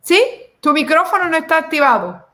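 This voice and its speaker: A woman's voice: high voice, sing-song, brisk, pushed and bright. A woman hosting an informal online interview, moving between two languages as she talks to guests. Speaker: host. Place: video call.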